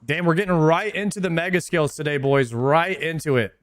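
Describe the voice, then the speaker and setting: A man's voice: a little high, steady tone, brisk, no echo, studio quality. A man chatting casually on a game livestream in hyped, slangy frat-bro talk. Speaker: game streamer. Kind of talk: casual livestream gaming chat.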